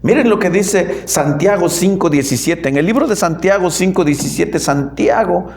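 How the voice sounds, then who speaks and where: A man, a lay pastor, preaching a sermon in a church, telling stories with emphatic swings between loud and soft. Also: high-pitched, moderate pace, reverberant.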